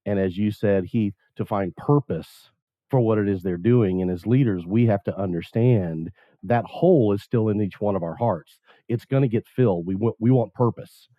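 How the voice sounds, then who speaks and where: Low-voiced man, dry, slightly dull recording. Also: normal speed, dry recording. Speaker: discussion host. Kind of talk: conversational interviewing, reflective commentary.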